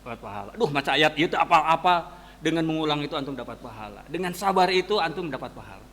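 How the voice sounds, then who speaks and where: Sundanese male religious teacher, high bright voice, lively storytelling sermon, hall reverb. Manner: animated storytelling, mixing casual asides and quick sound words. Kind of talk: dawn sermon to students. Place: mosque hall.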